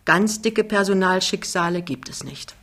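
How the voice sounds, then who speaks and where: An audiobook reader narrating a novel in a measured, descriptive way. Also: medium pitch, fairly bright tone. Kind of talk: scripted narration.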